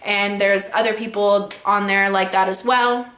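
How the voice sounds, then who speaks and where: A woman's voice: medium pitch, fairly even intonation, unhurried, fairly bright tone, roomy sound. A young woman giving casual dating advice in a vlog, chatty and rambling with lots of fillers. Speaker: vlogger.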